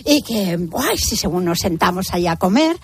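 A woman's voice: fairly low pitch, sing-song, vocal fry, slightly rough. A woman from Spain hosting a radio show, telling stories and laughing easily. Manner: storytelling, quick to laugh. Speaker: radio host. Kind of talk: casual radio chat.

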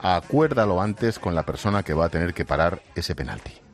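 A man's voice: deep voice, animated, fairly quick, music in the background. A middle-aged man from Spain hosting a radio talk show, teasing his guests with wry remarks.

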